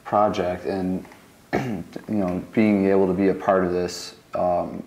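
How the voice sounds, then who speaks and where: Hesitant young man with a bright, lowish voice. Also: flat delivery, takes it slowly, poor audio. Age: young adult. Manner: hesitant, searching for words. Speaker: computer science student. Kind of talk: informal interview about a project.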